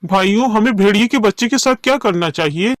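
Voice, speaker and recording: A man's voice: sits high, fairly quick, a bit bright, no echo. A man voicing a stern, worried village man in a cartoon story, who speaks in a firm, urging way. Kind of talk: cartoon voice acting.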